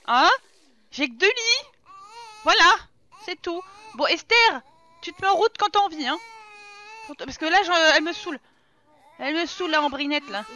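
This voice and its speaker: A woman's voice: high-pitched, pushed and bright, a little hiss or hum. A young French woman hosting a life-sim let's play, exasperated, swearing, laughing and scolding her characters. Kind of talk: casual gaming commentary.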